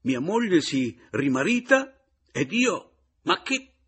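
A man's voice: fairly low pitch, very animated, a bit bright, breathy edge, exaggerated voice. A man reading an audiobook, voicing a wry, bitterly ironic man who has come back after being thought dead. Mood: agitated. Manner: ironic, agitated, quick to laugh bitterly.

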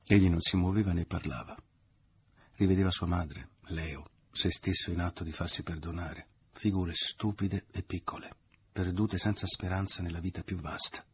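A man narrating a literary novel as an audiobook in a measured, expressive reading. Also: deep voice, slight background noise.

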